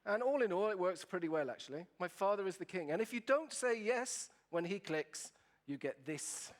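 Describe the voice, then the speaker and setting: A man's voice: sits high, lively intonation, normal speed. A man with an Italian accent, giving a humorous talk to an audience and often asking them questions. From Italy. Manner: playful, asks the audience questions. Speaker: keynote speaker.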